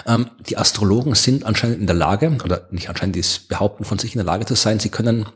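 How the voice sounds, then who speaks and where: Husky, sarcastic Austrian man chatting. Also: fairly low pitch, fast. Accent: Austrian German. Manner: chatty and sarcastic, laughs often, many fillers. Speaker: podcast co-host. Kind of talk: casual podcast chat.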